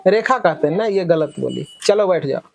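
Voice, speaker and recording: Loud, high-voiced male math teacher. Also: lively intonation, moderate pace, vocal fry. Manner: loud call-and-response questioning of pupils. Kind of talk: classroom lecture. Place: classroom full of children.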